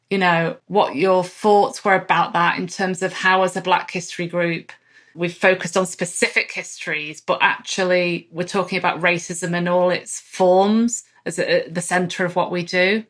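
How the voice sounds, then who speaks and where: A woman's voice: on the low side, fairly bright tone. A woman hosting an interview, asking thoughtful questions with frequent restarts. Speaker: sociologist host interviewing guests. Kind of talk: conversational interview.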